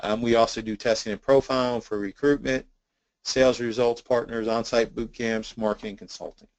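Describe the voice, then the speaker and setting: A man's voice: medium pitch, little pitch movement, normal speed, no echo, rough recording. A man presenting a sales training webinar in an earnest coaching tone, with a slight cough. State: intermittent cough.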